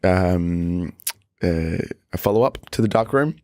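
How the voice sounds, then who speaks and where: Male host, low pitch, playful and quick to laugh, dry close sound. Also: expressive, darkish tone, no room sound. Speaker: podcast host. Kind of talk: casual interview chat.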